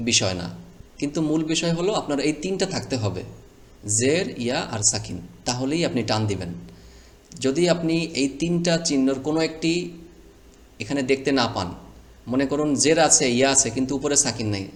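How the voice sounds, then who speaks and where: Over a screen recording, a man with a fairly high-pitched voice teaches Quran reading. He explains the rules patiently, step by step, sounding out letters one at a time.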